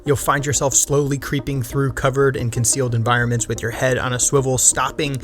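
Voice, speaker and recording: Male narrator, mid-pitched voice, scripted game review, emphatic, direct to viewer, faint music. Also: level tone, brisk, fairly bright tone. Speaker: gaming video host.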